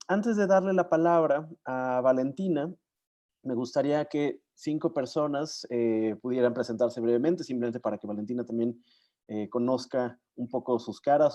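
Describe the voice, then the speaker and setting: A man's voice: mid-range voice, normal speed, dark tone. A man moderating an online learning session over a video call, courteous and a little hesitant as he introduces people.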